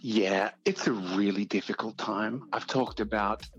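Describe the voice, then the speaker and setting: A man with a creaky voice, speaking earnestly and affirmingly in a radio interview chat. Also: on the low side, a little slow. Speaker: radio show host, guest on air. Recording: dull lo-fi sound, music behind. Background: music.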